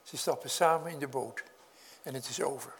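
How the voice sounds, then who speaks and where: A man preaching a sermon, speaking earnestly to his congregation, lifting his voice when telling the story and dropping it low to reflect. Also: a little fast, a bit bright, breathy edge. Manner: addresses congregation directly with questions.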